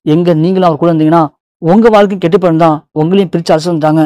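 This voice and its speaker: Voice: medium pitch, fairly even intonation, racing, warm tone, dry recording, studio quality, lightly acted. A narrator voicing a caring young wife who anxiously soothes her husband. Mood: soothing.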